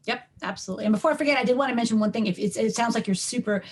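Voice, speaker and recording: Husky-voiced middle-aged woman explaining. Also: on the high side, rapid-fire. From New York. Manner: explanatory, lecturing with frequent um and restarts. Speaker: guest linguistics professor. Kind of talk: conversational podcast interview.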